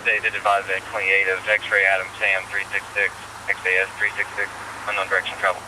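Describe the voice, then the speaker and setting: Male police radio voice, terse and procedural, rapid and monotone, over clear outdoor vehicle noise. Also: fairly low pitch. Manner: terse, procedural, uses number codes. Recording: noisy outdoor bodycam with vehicle sounds.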